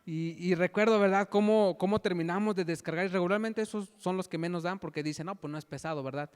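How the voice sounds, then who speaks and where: Young male lay preacher, testimony sermon, halting repetitions, resonant tone, reverberant church hall. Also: sits high, smooth. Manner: halting, repeats words, frequent "¿verdad?".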